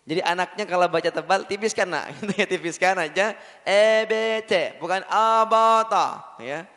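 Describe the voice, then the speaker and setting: A man teaching Quran recitation, patiently correcting students and slowly modelling each sound. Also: a little high, a bit bright. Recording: long hall reverb.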